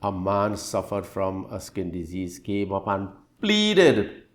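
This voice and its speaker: A man's voice: low voice, sing-song, slow pace. A man preacher giving a daily devotional reflection on scripture, explaining it plainly and repeating phrases to drive points home.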